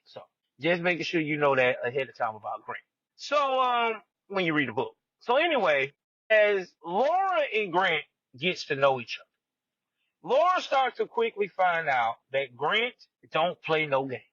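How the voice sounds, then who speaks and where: A man hosting a podcast, retelling a true-crime story in a slangy, animated way and talking straight to his listeners. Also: a little high, unhurried, no echo, dull audio. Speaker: podcast host.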